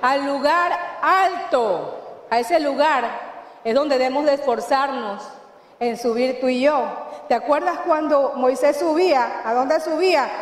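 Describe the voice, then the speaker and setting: A woman pastor with a high, unhurried voice and a Mexican Spanish accent preaches emphatically in a church hall, often asking the congregation questions in a call-and-response style. The hall is echoey, with long reverb.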